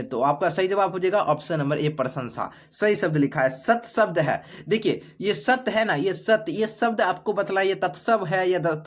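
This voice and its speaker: A high-pitched man works through exam questions one by one. He asks each answer back to the listener and repeats it, with frequent hesitations. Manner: repetitive question-and-answer drilling, many fillers. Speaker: exam prep teacher.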